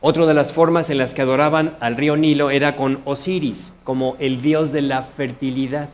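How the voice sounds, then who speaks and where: A man's voice: mid-range voice, flat delivery, normal speed, darkish tone. A man with a Mexican Spanish accent preaching a sermon, earnest, often asking his congregation questions. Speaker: pastor.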